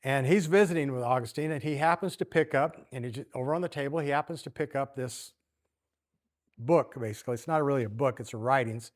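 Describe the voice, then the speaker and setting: A man's voice: mid-range voice, a little fast. A man teaching in a church, telling a story conversationally, asking the room questions and reading passages aloud. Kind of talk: sermon.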